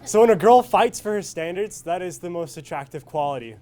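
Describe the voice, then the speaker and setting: A man's voice: high voice, lively intonation, fairly quick, dark tone. Upbeat eighteen-year-old guy. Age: teens. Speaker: panelist. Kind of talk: casual panel answers.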